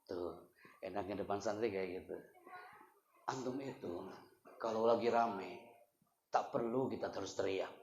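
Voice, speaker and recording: A man holds a microphone and gives a lively religious pep talk to boarding school students. He teases the kids, then bursts into high, loud storytelling. The sound is a bit muffled, with a faint hiss underneath. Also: a little slow, long pauses, roomy sound. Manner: teasing, playful, jumps to loud high dramatic storytelling. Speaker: motivational speaker. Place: Islamic boarding school gathering. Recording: slightly dull with faint noise.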